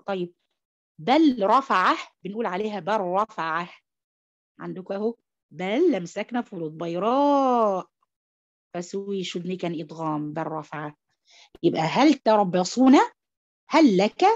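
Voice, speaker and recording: A woman with an Egyptian Arabic accent teaching a tajweed class online, moving between Arabic and English. She asks her students questions and leads them through examples. Her voice comes through dull, lo-fi call audio. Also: mid-range voice. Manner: animated, coaxing students with questions. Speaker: Quran recitation teacher. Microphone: computer mic on an online call.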